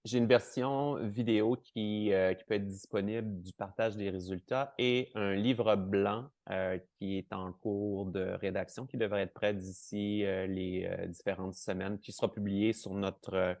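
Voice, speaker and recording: Low-voiced man, strong Quebec French accent. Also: steady tone, measured pace, few pauses, a little mellow, no echo, studio quality. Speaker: podcast guest. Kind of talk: conversational explanation.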